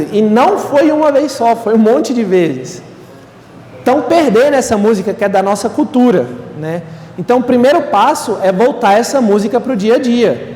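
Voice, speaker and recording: A man's voice: high-pitched, a little mellow. A young Brazilian man, a seminarian, gives a conversational lecture to a live audience, often tagging his sentences with "né?". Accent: Brazilian Portuguese. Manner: conversational, frequent "né?" tags. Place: lecture hall. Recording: echoey hall, distant mic, faint room noise.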